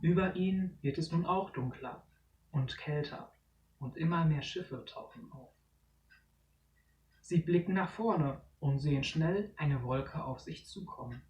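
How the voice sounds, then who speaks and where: Storybook narrator, measured reading, roomy and far from the mic. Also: mid-range voice, darkish tone, dull audio. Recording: echoey room, distant mic, faint noise.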